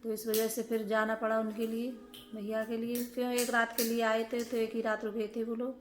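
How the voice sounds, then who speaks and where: Flat-voiced woman narrating her home vlog. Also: fairly high pitch. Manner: flat, unhurried, lots of fillers. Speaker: home vlogger.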